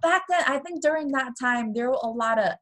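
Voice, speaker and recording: A woman from Taiwan, a guest in an interview, telling her personal story in a soft voice with nervous little laughs. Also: high-pitched, expressive, a little fast. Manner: soft-spoken, laughs nervously between painful memories.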